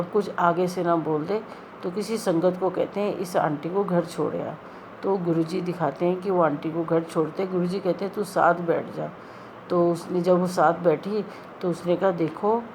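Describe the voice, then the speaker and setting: A woman's voice: lowish voice, darkish tone, a little hiss or hum, poor audio. A middle-aged woman earnestly retelling a spiritual experience, pleading as she quotes the people in it. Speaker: devotee sharing a spiritual experience. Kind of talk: storytelling testimony.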